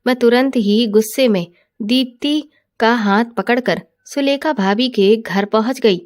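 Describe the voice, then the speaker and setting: A woman tells a first-person family story in a steady, expressive way. Her voice is a little higher than most. She keeps an even storytelling pace. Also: measured pace. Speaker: narrator.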